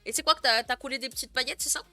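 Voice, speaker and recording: A woman's voice: high voice, rapid-fire, sharp tone, faint music behind. A young woman streamer chatting casually with her viewers, giggling often and filling her talk with "euh" and "genre". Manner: chatty, giggly, many fillers. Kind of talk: casual live stream chat.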